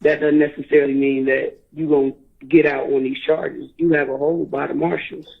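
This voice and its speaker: Gravelly man on a tinny payphone call. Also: a little high, flat delivery, moderate pace, a crowd in the background. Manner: blunt, repeats himself while explaining. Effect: heard over a payphone call line. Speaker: law enforcement officer. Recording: tinny phone line.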